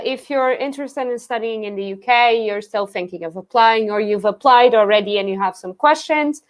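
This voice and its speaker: A young woman from Portugal, hosting a live Q&A in a chatty way full of "like" fillers. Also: on the high side. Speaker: host. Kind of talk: live Q&A chat.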